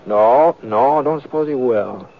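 In an old 1940s-50s radio western, the lead actor and narrator plays an easygoing, seasoned lawman and tracker, drawling in a hesitant, folksy, unhurried way with murmured asides. His medium-pitched voice has vocal fry and sounds calm and weary. The recording is noisy and muffled, with clicks.

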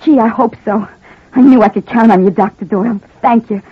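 Here a fairly high, husky female voice, moving at a fairly quick clip, belongs to an actress cast as a scheming working-class wife in a vintage radio crime drama. She sweetly plays the victim in slangy, ungrammatical street talk, her mood plaintive and fretful, all heard through muffled, phone-like audio.

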